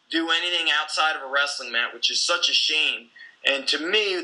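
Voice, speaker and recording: A man in his forties talks in a casual conversation with an intense, blunt drive, swearing as he goes. His voice is strikingly bright and sits a little high. He sounds like a coach who runs his own gym. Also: rough recording.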